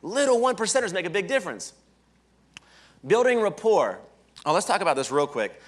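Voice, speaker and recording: A man giving a live motivational training talk at a conference, energetic, often asking "right?" and throwing questions to the audience. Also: sits high, fairly quick. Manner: energetic, keeps checking in with "right?". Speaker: sales leadership trainer. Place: conference hall, indoors.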